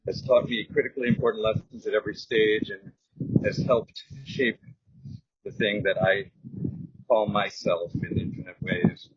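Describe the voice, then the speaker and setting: A man's voice: fairly low pitch, steady tone, slightly rough, no room sound. A middle-aged man giving a reflective eulogy for his mother over a video call, partly reading from notes. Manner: slow and reflective, with pauses. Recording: dull lo-fi video call audio.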